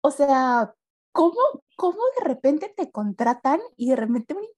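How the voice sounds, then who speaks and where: A young woman, chatting casually as a podcast guest. Her voice sits a little high, and she acts out each quoted line with big, animated leaps in pitch. She tells her story in a relaxed, conversational way. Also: measured pace.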